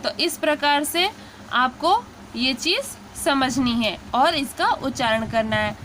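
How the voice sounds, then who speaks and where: A woman teaching a Hindi lesson in a high, bright voice. She talks slowly and patiently, repeating syllables one by one in a drill. A faint hum of noise sits under the recording. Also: expressive. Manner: patient, drawn-out syllable drills with frequent "theek hai". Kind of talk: slow spoken lesson.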